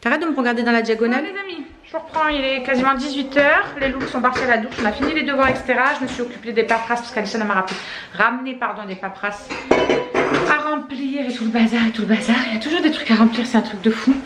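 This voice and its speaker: A woman's voice: high voice, fast talker, background noise. A woman in her thirties, a mother chatting casually through her day at home in a rambling way, full of fillers and "et cetera". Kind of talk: casual vlog chat. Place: family home, indoors. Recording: roomy echo in a home.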